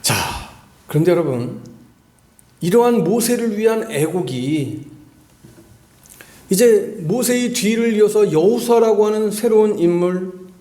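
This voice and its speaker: A man's voice: high voice, warm tone, echoey room. A male pastor preaching a sermon, asking the congregation questions and repeating phrases for emphasis.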